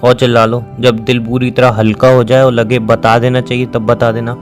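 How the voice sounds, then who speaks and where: A man's voice: medium pitch, little pitch movement, moderate pace, faint music behind, natural voice. A young man playing a boyfriend in an acted phone-call drama, insistent and questioning, later patient and lecturing. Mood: pressing. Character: young boyfriend pressing his girlfriend on a call.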